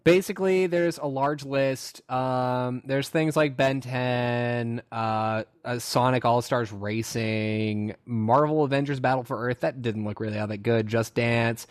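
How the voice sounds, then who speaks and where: A man co-hosting a podcast in casual chat, talking loosely and jumping up in pitch when amused. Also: a little slow, hardly any pauses, no echo, clean studio sound. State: hiccups. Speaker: podcast co-host.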